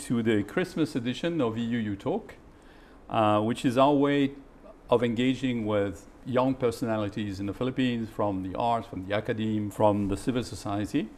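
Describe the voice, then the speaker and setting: Polite, measured male interview host. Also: mid-range voice, darkish tone. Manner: measured and polite, with frequent hesitations. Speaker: ambassador hosting an interview. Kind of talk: formal interview hosting.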